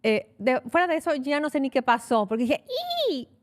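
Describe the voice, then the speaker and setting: Animated woman lawyer telling a story. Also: high voice, fairly quick. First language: Spanish. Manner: animated, acts out quotes, many fillers. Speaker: immigration lawyer, podcast co-host. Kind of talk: casual storytelling chat.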